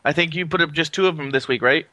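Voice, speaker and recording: A man hosting a podcast in a casual, halting, rambling way from his apartment. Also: on the high side, bright, forceful tone, no echo. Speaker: podcast host. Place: apartment, remote recording.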